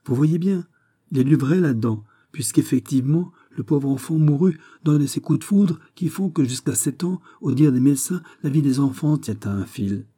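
A man's voice: fairly high pitch, animated, moderate pace, dark tone, voice pushed up. A man reading an aging queen from a classic novel, anxious and questioning. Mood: sorrowful. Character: aging queen, grieving and wary.

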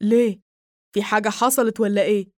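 A woman's voice: medium pitch, fairly even intonation, fairly quick, no echo, studio quality, natural voice. A woman with an Egyptian accent voicing a blunt young man who scolds his friend on the phone. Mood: alarmed. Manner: brusque, emphatic.

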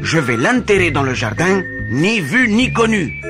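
A man's voice: high-pitched, sing-song, long reverb tail, music in the background, pitched above the performer's own voice. A man voicing a cunning, playful master thief who talks slyly and theatrically. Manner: sly, theatrical, slow and solemn when disguised. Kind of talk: storybook character voice.

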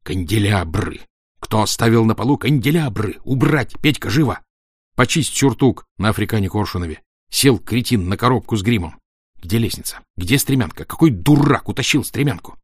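A man's voice: mid-range voice, sing-song, quick pace, no room sound, studio quality, voice pushed up. A man voicing a broad-shouldered, bossy teenage stage manager who barks and growls orders. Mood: barking.

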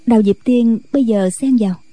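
Dark-voiced, husky woman narrator. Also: on the high side, brisk, no echo. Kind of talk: audiobook story narration.

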